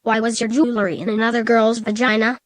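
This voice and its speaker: A woman voicing a hurt, angry teenage male hedgehog who shouts bitterly. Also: on the high side, level tone, fast talker, no room sound, lightly acted.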